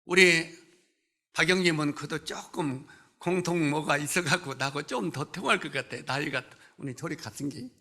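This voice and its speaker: This man's voice sits on the high side, with a moderate pace and a sharp tone. He is a pastor in his seventies giving a conversational sermon at church, quizzing the congregation and trading jokes with members.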